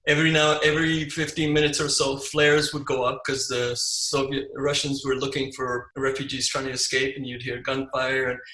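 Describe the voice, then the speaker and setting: A man in his seventies, born in Hungary, speaking as an interview guest and recalling his life in a reflective, halting way with many restarts. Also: medium pitch, little pitch movement, pushed and bright, reverberant, rough recording. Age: 70s. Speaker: guest, physician and screenwriter. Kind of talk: casual interview.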